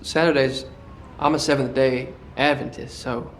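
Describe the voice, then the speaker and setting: An actor playing a gentle but stubborn young army recruit in a war film, polite and hesitant. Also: male voice, medium pitch, steady tone, moderate pace, close to an everyday voice. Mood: earnest. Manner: polite, plain-spoken, hesitant. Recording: film audio with faint ambient noise.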